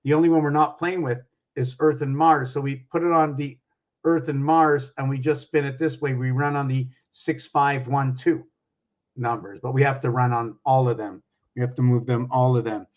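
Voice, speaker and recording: Rambling through his explanation, a man in his sixties who talks about numerology calculates figures aloud, gestures at things around him, and quizzes the viewer. He has a mid-range voice with fairly even intonation and a moderate pace. The recording is dull and low-fidelity.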